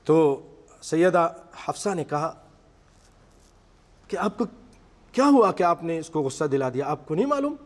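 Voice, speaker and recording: Man, preacher, high voice, sermon, recites then explains, long hall reverb. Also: big pitch swings, long pauses. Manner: vivid storytelling delivery. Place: mosque hall with seated congregation.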